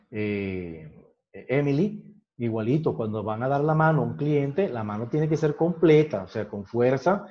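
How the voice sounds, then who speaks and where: A man teaches a sales training class in a conversational style, continually checking on his students with "ok?". His voice is mid-range, and the recording sounds dull and lo-fi.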